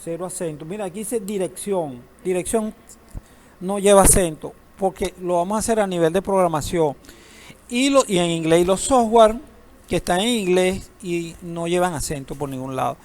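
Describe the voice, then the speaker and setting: A man's voice: sits high, moderate pace, a little mellow. A man teaching a database class, lecturing in a classroom, asking students questions and joking now and then. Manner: asks the class questions, uses humor.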